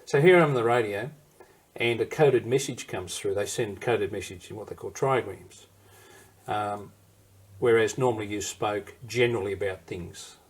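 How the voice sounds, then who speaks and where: An older man with an Australian accent recounts his war memories for a recorded interview. His voice is on the low side with a breathy edge, at a moderate pace. His storytelling is rambling and anecdotal, drifting off into digressions and restarts before circling back.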